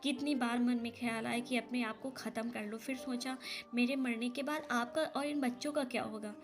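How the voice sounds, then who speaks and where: A woman's voice: a little high, steady tone, moderate pace, music in the background, natural voice. A woman reading as an anguished, earnest husband. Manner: earnest, heavy-hearted pleading. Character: grieving husband, torn between mother and wife.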